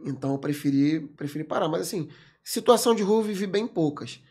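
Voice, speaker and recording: A man, a military police corporal, telling a story as a podcast guest in an animated, emphatic way, full of slang fillers. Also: on the high side, fast, breathy edge. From Brazil. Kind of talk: casual storytelling in an interview.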